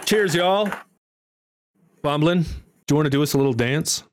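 Man, game master, livestream, excitable banter, swears, lively pitch. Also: normal speed.

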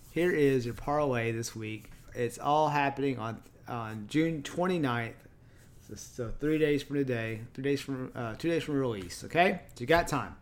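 Chatty Texan man hosting a podcast. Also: mid-range voice. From Texas. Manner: casual and chatty, self-correcting. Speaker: podcast host. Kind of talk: solo podcast chat.

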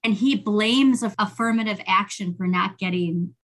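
A woman co-hosts a casual podcast, her voice sitting in an ordinary middle register. She talks in an animated way, with sarcastic jabs and frequent laughter. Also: medium pitch, moderate pace. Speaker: podcast co-host.

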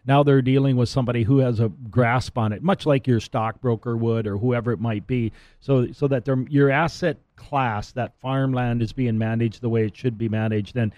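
A man's voice: medium pitch, fairly even intonation, normal speed, darkish tone, dry recording. A middle-aged man hosting a radio talk show, talking casually and rambling with frequent restarts and repeated words. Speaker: radio show host and land auctioneer.

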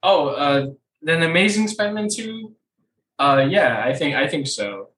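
A man's voice: on the high side, expressive, unhurried, fairly bright tone, echoey room, rough recording. A young man co-hosting a casual movie chat, rambling and opinionated with lots of fillers. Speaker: podcast co-host.

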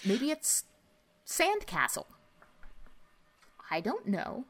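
A woman's voice: a little high, huge pitch swings, drawn-out words, a bit bright, slightly rough. A woman co-hosting a podcast in casual chat, rambling with lots of filler words. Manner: chatty, lots of likes and you-knows. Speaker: podcast co-host.

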